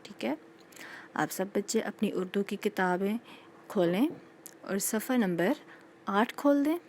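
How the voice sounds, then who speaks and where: A woman teacher giving a patient recorded phonics lesson to young children, repeating each sound slowly and checking in with them often. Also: mid-range voice, expressive, darkish tone, a little hiss or hum. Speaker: school teacher.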